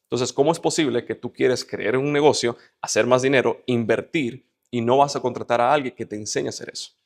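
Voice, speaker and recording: A man with a Dominican Spanish accent, from the Dominican Republic, speaks a little fast at a medium pitch. He is an interview guest with an emphatic, motivational style, and he often builds his points through lists and rhetorical questions.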